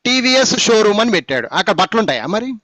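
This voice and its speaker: A spoken English teacher with a Telugu accent runs a phonics class, firing questions at students and scolding them with teasing jabs. His voice is high for a man, very animated, fast, and sharp. It's recorded close and dry, with no room sound.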